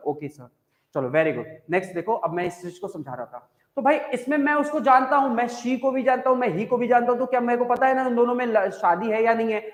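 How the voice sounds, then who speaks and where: A man with an Indian accent teaching English grammar in a live online class, explaining by repeating points and asking the class questions. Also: high voice. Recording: echoey room with long reverb.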